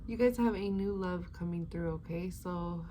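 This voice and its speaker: A woman's voice: lowish voice, normal speed, warm tone, a little hiss or hum. A woman giving a casual, chatty spiritual reading in a laid-back, slangy stoner manner, rambling and drawing out words. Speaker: tarot-style spiritual advice reader.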